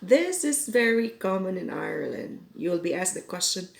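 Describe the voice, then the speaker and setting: A very animated woman with a lowish, gravelly voice teaches English expressions in a slow, explanatory way, quoting example phrases. She is Filipino, from the Philippines, with Cebuano as her first language, and she speaks from her home in Ireland.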